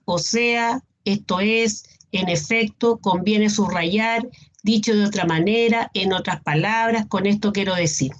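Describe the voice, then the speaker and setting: A woman teacher gives an online class, patiently listing examples and often checking in with her students. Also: mid-range voice. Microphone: video call. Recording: dull lo-fi video call audio.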